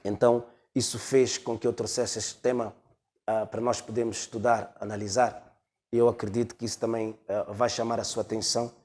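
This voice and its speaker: A man preaching a sermon as pastor, pausing often on long drawn-out fillers. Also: lowish voice, little pitch movement, darkish tone. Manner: hesitant, many drawn-out fillers.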